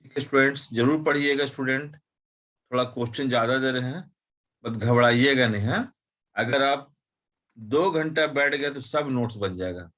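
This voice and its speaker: A man's voice: medium pitch, moderate pace, a bit bright, rough recording. A man, teaching and dictating exam questions to his students word by word, repeating phrases and spelling out words.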